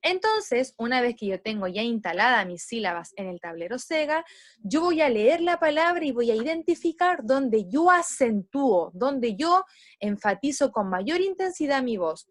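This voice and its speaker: Lively teacher woman, syllable-stressing. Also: fairly high pitch, no room sound, clean studio sound. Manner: slow, stressed syllables when modeling words. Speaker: primary school teacher. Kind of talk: explanatory lesson for children.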